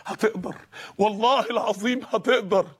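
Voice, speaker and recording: A preacher voicing a gentle elderly sheikh who speaks slowly and reassuringly with an Egyptian accent. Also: male voice, sits high, husky. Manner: slow, soothing repetition.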